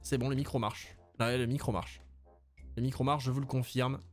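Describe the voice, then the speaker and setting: A man giving casual, joking gameplay commentary, animated and quick to swear, with faint game music behind him. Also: mid-range voice. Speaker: let's play host.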